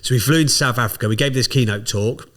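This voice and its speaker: Podcast guest, man, rapid and animated, salty language. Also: mid-range voice. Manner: fast, swears freely, animated storyteller. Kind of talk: casual storytelling chat.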